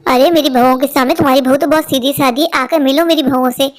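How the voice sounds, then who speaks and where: A woman's voice: high-pitched, fairly even intonation, quick pace, natural voice. Woman voicing a gossiping mother-in-law friend. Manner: chatty, commiserating. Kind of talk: Hindi cartoon voice acting.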